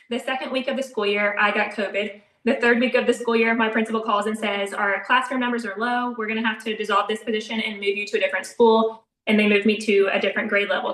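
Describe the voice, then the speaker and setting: A woman's voice: on the high side, a bit bright. A young woman, talking casually and laughing often as she tells her story from an echoey bathroom. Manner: chatty, quick and informal, laughs often. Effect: echoey bathroom sound. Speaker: co-presenter in an online coaching session. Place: small home bathroom, indoors. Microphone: live video call, away from the mic. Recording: echoey room, voice a bit far off.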